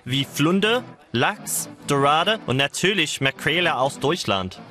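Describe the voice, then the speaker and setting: Higher-pitched male reporter narrating over music. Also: expressive, unhurried. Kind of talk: first-person scripted travel report narration with voice-over translation.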